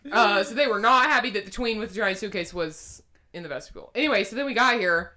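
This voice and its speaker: A woman's voice: medium pitch, fast, sharp tone. A woman co-hosting a podcast, telling a travel story in casual chat and laughing often. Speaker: podcast co-host.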